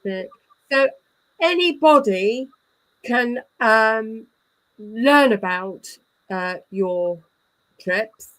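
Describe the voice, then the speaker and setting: Woman hosting a live stream, a bit high voiced, super keen, fantastic brilliant type. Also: animated, very slow, long pauses, a bit bright, rough recording. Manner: enthusiastic, praising replies. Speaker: host.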